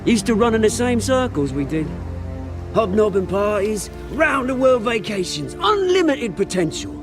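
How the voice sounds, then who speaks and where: An actor playing a cocky, volatile British rogue, a fallen heir turned revolutionary, taunting and theatrical in a video game. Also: male voice, high voice, big pitch swings, normal speed, music in the background. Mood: bitter, wistful.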